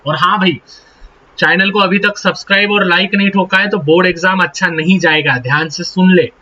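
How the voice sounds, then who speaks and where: A man's voice: high voice, steady tone, a little fast, pushed and bright. A young man teaching an exam-prep lesson, chatty and teasing as he talks to his students directly. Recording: slightly dull lo-fi recording with faint hiss.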